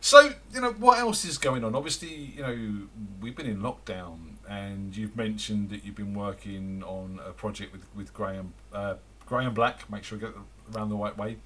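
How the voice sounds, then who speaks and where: Bright-voiced male interview host. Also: on the low side, moderate pace, few pauses, a little hiss or hum. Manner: relaxed, conversational, many fillers. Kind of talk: casual interview chat.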